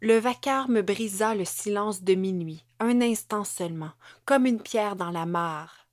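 A woman narrating an audiobook in a measured way, sometimes sinking to a whisper. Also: medium pitch, dry recording, studio quality.

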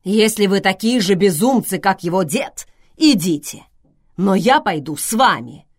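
A woman voicing a brash, boastful man who talks loudly and blusters. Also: mid-range voice, lively intonation, unhurried, husky. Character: boastful battered man, brash film-world type.

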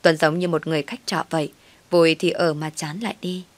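A woman narrating a family story in a steady, plain way. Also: sits low, fairly quick, no echo.

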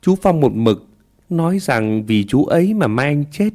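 Lively-voiced man narrating a ghost story. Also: fairly high pitch, normal speed.

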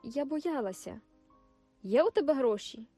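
A woman's voice: high voice, animated, measured pace, mellow, dry recording, soft background music, pitched above the performer's own voice, exaggerated voice. A woman reading as a timid poor young woman.

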